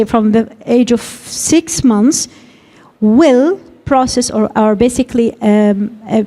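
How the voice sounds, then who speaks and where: A woman's voice: on the high side, mellow. Woman giving a conference talk. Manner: explains with many acted examples of parent talk. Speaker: speech and language consultant.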